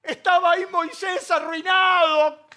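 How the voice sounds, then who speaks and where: A middle-aged man with an Argentine accent preaching a sermon, joking between loud preaching and quiet asides. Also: very high-pitched, little pitch movement, measured pace. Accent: Argentine Spanish. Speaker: pastor.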